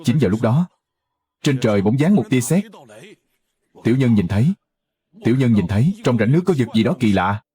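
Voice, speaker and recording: A man voicing a frightened foreign merchant giving testimony in a dubbed drama recap, with a husky voice. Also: medium pitch, lively intonation, fairly quick, pauses often, mellow, soft background music. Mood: pleading. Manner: stammering, fearful testimony.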